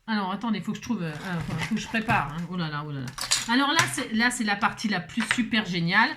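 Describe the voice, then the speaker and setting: A woman's voice: medium pitch, animated, fast, heavy background noise. A woman chatting playfully through a card-making tutorial, joking at herself with teasing asides. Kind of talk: crafting tutorial chat.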